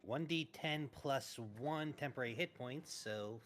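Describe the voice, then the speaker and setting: A man's voice: mid-range voice, measured pace, a bit bright. A male player at a tabletop game, talking casually and thinking aloud over the rules.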